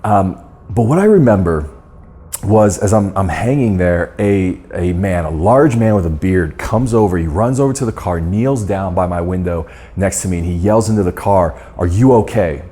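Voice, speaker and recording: Deep-voiced man telling a personal story. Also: moderate pace, warm tone. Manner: earnest storytelling with repeated restarts. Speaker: guest speaker on dental marketing. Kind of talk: storytelling talk to course members.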